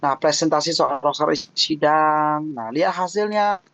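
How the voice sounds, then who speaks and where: A man's voice: a little high, measured pace, no echo, low-quality recording. A man giving a casual, joking webinar talk on thesis defense tips, often acting out little mock quotes to make his points. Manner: jokey, lively, acts out mock quotes. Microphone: online webinar mic.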